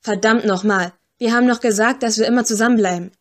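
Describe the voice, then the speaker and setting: A gruff, irritable young rival agent, voiced by a woman narrating. He talks with curt impatience, close to the reader's own voice. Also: mid-range voice, steady tone, normal speed, close to an everyday voice.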